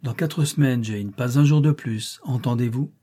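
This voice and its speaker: A man's voice: mid-range voice, moderate pace, warm tone, close to an everyday voice. A man reading aloud and voicing an ardent, commanding middle-aged master in a classic novel. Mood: insistent.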